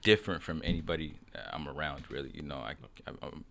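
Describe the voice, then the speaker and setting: A young man with a very low voice chats as a podcast guest. He rambles and restarts his sentences, tagging them with "you know what I mean". His talk stays loose and unscripted. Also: steady tone, fast, a bit bright. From Sudan, raised in Seattle. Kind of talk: casual chat.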